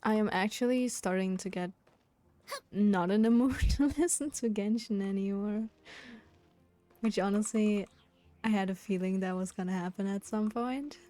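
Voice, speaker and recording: A woman live streaming a video game, chatting casually with viewers in a quiet voice kept down at home, sounding a little sleepy. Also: mid-range voice, normal speed. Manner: quiet, keeping voice down for a sleeping roommate. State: sleepy, yawning. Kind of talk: relaxed casual chat with viewers. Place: indoors at home. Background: game music.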